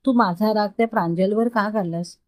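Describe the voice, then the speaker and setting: A woman's voice: medium pitch, a little fast, no echo, natural voice. A woman reading a teasing young male coworker. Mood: friendly. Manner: easygoing, teasing.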